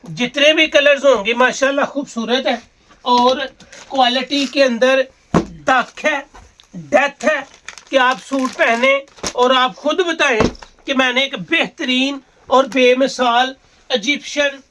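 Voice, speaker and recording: A man's voice: very high-pitched, fairly even intonation, takes it slowly, noisy background. A man with a Pakistani accent selling in an overeager teleshopping style, repeating himself and stressing his points in emphatic lists. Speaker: online fabric seller and video host. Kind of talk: teleshopping-style sales pitch.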